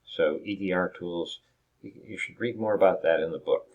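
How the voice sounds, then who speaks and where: A man's voice: deep voice, moderate pace, darkish tone, highs cut off. A man teaching a recorded lecture over slides, explaining step by step with frequent restarts and rhetorical questions. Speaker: instructor.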